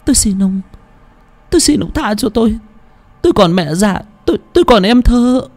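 A man's voice: high-pitched, expressive, moderate pace, a little mellow, pitched above the performer's own voice. A man voicing a terrified young woman who sobs and begs for mercy. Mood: pleading. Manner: sobbing, begging.

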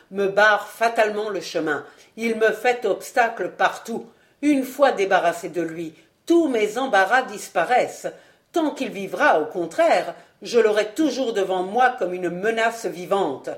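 Woman putting on a scheming lord, low voice, slow and heavy on every word, bossy and sharp when he snaps out orders. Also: expressive, lightly acted. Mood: desperate, heated. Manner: slow, weighty, pressing on each word. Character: scheming nobleman, master of the manor, commanding.

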